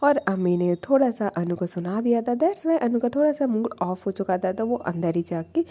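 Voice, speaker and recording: Chatty young woman storyteller, mellow. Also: fairly high pitch, expressive, normal speed. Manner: chatty, many fillers and English words. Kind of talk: casual spoken storytelling.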